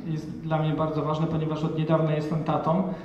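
A man's voice: on the high side, monotone, normal speed, darkish tone, a little hiss or hum. A man in his thirties from Poland, speaking hesitantly at an event into a handheld mic, with many fillers and restarts. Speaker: panel speaker. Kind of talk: reflective talk at an event. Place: large hall with audience. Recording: echoey hall, distant and dull.

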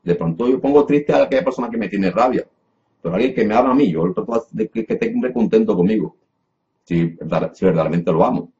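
A man's voice: lowish voice, quick pace, mellow. A man preaching a Bible lesson in a sermon style, repeating phrases and restarting often, calling listeners brother. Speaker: preacher teaching a class. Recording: dull lo-fi recording.

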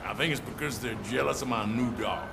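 An actor playing an oblivious, self-satisfied dog owner earnestly complaining in a video game. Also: male voice, mid-range voice, fast, creaky, noisy background, lightly acted. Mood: earnest, aggrieved.

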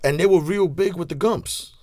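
A guest in his forties with a New York accent, his voice sitting high at a moderate pace, spins stories during a casual interview. He uses a lot of street slang, gestures animatedly with his hands and restarts often. The dry recording was made with a studio mic on a stand in a small studio with a leather couch.

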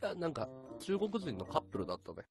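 Lively-pitched man chatting on a live stream. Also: quick pace, music in the background. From Chiba, Japan. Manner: relaxed, chatty, talks back to chat comments. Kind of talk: casual live-stream chat, reading viewer comments.

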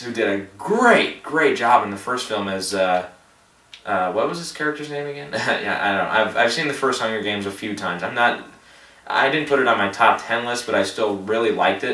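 A tired man with a fairly low voice chats loosely and rambles, stumbling over his words and laughing at himself. He sits some way back from the mic in an echoey room. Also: bright, forceful tone. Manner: chatty, self-deprecating, laughs at himself, many fillers. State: tired, late at night. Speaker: box office prediction vlogger. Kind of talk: casual rambling commentary. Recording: roomy echo, distant from the mic.

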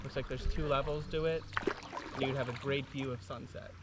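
A man's voice: mid-range voice, steady tone, brisk, noisy background. A man on a canoe camping trip, casually describing riverside campsites as he paddles, outdoors on a river.

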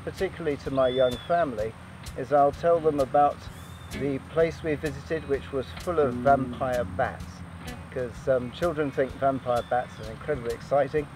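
A man's voice: medium pitch, moderate pace, noisy background. A man, a birdwatching journalist, recounting his trip in a storytelling way. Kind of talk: interview answers.

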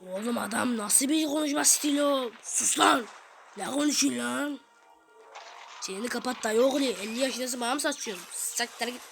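A woman's voice: on the high side, normal speed, vocal fry. A woman voicing a brash, hot-tempered, camera-headed fighter in a profane cartoon fan dub, swearing and taunting. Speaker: fan dubber voicing all characters. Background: background music.

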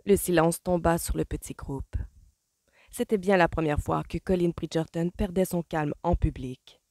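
A woman reading a novel aloud as an audiobook, with measured storytelling. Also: on the low side, warm tone, no room sound, clean studio sound. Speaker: audiobook reader. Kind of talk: novel narration.

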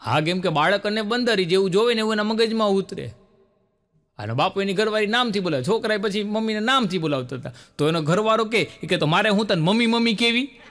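A man's voice: high-pitched, lively intonation, fast, a bit bright. A man telling stand-up jokes on stage, acting out the people in his stories. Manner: storytelling with many quoted voices, punchlines met by laughter. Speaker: stand-up comedian. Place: stage show with a laughing audience.

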